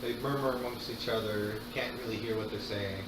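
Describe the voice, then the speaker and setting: A man narrating a tabletop game as game master in an informal, halting way. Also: fairly low pitch, steady tone. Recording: echoey room, far mic, noisy background.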